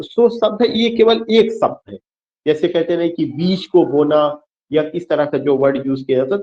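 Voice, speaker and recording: A man teaching a class, explaining slowly, repeating key terms, spelling words out letter by letter, and asking questions that he then answers himself, often switching into English phrases. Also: high voice, roomy sound, muffled recording. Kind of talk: classroom lecture.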